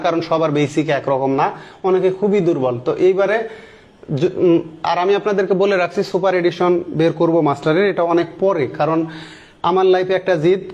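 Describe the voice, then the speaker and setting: A man in his thirties with a high voice teaches an online grammar lesson. He walks through each example step by step, asks his students questions and repeats the key words. He slows right down to spell out each English sentence. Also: a little mellow, highs cut off. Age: 30s.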